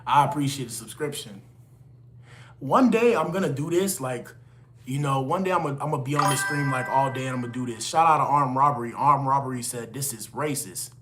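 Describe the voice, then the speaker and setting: A young man in his late twenties talks casually on a live stream, rattling off shout-outs to his viewers. His delivery is loose and slangy, in a middle-pitched voice with a faint hiss of noise behind him. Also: animated, fairly quick. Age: 20s. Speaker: livestream host reading chat.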